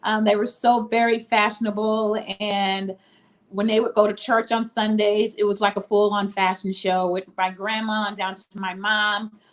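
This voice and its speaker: A woman's voice: mid-range voice, moderate pace. Woman guest from Mississippi. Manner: relaxed, frequent ums. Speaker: guest, boutique owner. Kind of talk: casual interview.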